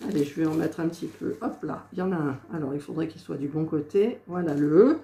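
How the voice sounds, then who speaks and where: A woman's voice: low voice, fast talker, creaky, mellow. A woman vlogging her craft project, talking to herself as she hunts for missing pieces, with exasperated asides to viewers. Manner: talks to herself while searching, exasperated asides. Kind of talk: casual crafting chatter. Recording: echoey room with faint noise.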